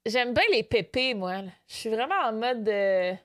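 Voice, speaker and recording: A young Canadian woman chats on a live stream at a moderate pace in a fairly high voice, her accent Québécois French. She's animated, reading chat messages aloud, blending in English, and sometimes squealing with excitement.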